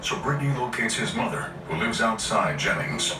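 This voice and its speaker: A man with a fairly low voice narrates a true-crime documentary from a script. The sound is echoey and a little distant, with music clearly underneath. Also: lively intonation, normal speed.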